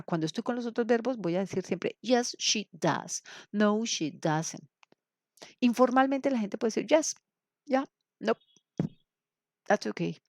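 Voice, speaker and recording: A woman's voice: lowish voice, darkish tone, dry recording. Patient woman teacher, dry close sound. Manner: switches into slow, emphatic English for model phrases; explanatory, patient, asks rhetorical questions. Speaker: English teacher. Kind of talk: recorded classroom lesson.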